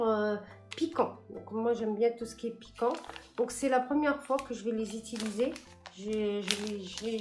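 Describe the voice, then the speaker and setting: A woman in her thirties chatting casually about her groceries, hesitant, with many fillers and restarts. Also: fairly high pitch. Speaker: cooking vlogger. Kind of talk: casual shopping haul chat.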